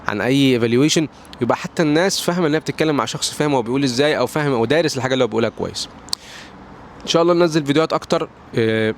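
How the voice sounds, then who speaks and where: Filmed at home by a balcony door, this vlog has a young Egyptian man, an English pronunciation TikToker, offering casual advice in an Egyptian Arabic accent. His voice is mid-range, and he rambles, restarting often and dropping in English words, with slight hiss or hum audible.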